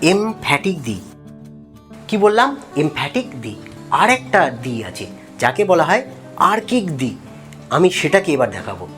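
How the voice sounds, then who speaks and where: A woman's voice: low voice, big pitch swings, a little slow, long pauses, over music. A woman from West Bengal explaining an English lesson in Bengali, repeating key words and often checking that the listener has understood. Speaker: English teacher.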